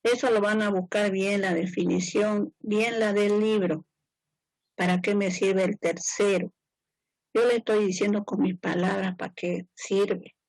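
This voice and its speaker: A woman's voice: medium pitch, fairly even intonation, a little slow, vocal fry, darkish tone, dry recording, rough recording. A woman teaching a class as an engineer. She explains informally, repeats her points and keeps checking in with her students. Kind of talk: classroom lecture.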